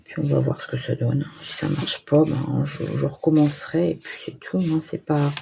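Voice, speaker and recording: A woman's voice: low-pitched, steady tone, normal speed, vocal fry, warm tone, a little hiss or hum. A woman chatting casually as she works on an art journal page, thinking aloud with hesitations and small self-mocking remarks. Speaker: craft vlogger. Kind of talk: casual crafting commentary.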